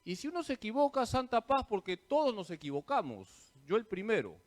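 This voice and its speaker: A man's voice: high-pitched, sing-song, fairly quick. A priest giving a parish catechesis talk. He quizzes his listeners and answers himself, repeating the key points like a teacher.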